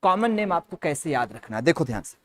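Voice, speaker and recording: Indian male chem teacher, fairly high voice, repeats everything, drills mnemonics. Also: sing-song, quick pace, a bit bright. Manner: repetitive, drilling mnemonics, calls students beta. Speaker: chemistry teacher. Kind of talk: classroom lecture in Hindi-English mix.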